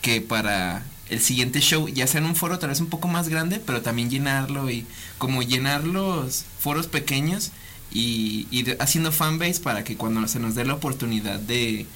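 A man's voice: mid-range voice, normal speed. Man musician, 30s, Mexican Spanish, rambling and easygoing, faint background noise. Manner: relaxed, rambling, many fillers. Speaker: band member. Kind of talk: casual interview.

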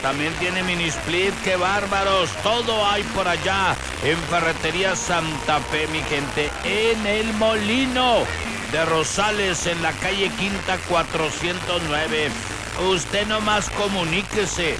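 Folksy radio host. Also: male voice, sits high, takes it slowly, poor audio. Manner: folksy, chatty, joking asides. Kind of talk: casual live radio ad read. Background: loud music.

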